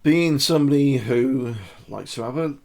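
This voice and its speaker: A man's voice: mid-range voice, moderate pace, vocal fry, dark tone. A man giving casual body-language commentary to camera, talking the viewer through poses and demonstrations.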